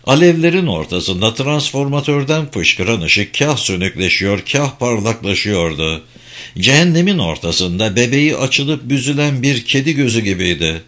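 A man reading a dark novel aloud as an audiobook narrator, with expressive delivery. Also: medium pitch, normal speed.

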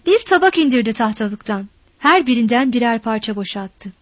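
High-voiced woman reading a story. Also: moderate pace, dry recording. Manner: expressive, dramatic narration.

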